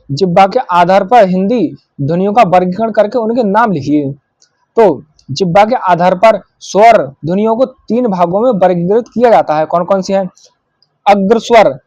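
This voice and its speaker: High-voiced man teaching an exam paper. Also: darkish tone, dry recording, highs cut off. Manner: asks and answers his own questions. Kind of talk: exam paper walkthrough lesson.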